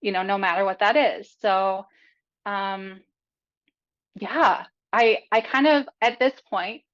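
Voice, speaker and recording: Taking her time in a medium-pitched voice, a young woman chats as a podcast guest, frank and profane about her life and heavy on fillers. It's candid, casual interview talk, recorded on dull lo-fi audio.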